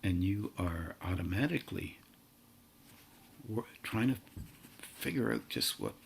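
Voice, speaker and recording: Male spiritual teacher, unhurried and halting, gravelly husky tone. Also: deep voice, big pitch swings, slight background noise. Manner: slow, halting, drawn-out phrases. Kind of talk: meditative spiritual talk.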